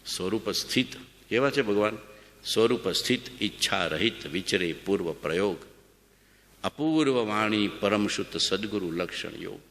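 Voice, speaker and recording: A lowish, bright-toned man preaches a devotional sermon. He repeats words in a chanting rhythm and swings from emphatic high lines down to soft, low ones. His voice rings with a long hall reverb. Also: lively intonation, moderate pace. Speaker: spiritual discourse speaker.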